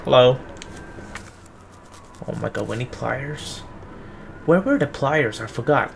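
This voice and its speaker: A gameplay streamer with a mid-range, slow-paced voice and some vocal fry mutters to himself through a casual let's-play. He's animated, yelping and swearing whenever the game startles him, over a little hiss or hum.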